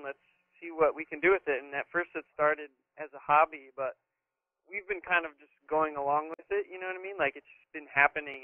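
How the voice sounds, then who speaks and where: A man's voice: on the high side, dry recording. A man in his twenties from New Jersey, a band member telling how it started in an easygoing, casual way with lots of ums. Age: 20s. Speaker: band member, interview guest. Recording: tinny phone line.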